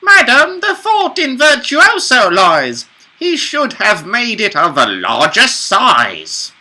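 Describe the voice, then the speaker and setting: A man voicing haughty, bawdy ladies of a Restoration stage farce in a stumbling cold read, drawn-out, theatrical and lewdly grandiose. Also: extremely high pitch, huge pitch swings, sharp tone, voice pushed up, full character voice. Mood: haughty complaint. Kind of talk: stumbling cold read of verse play, in character.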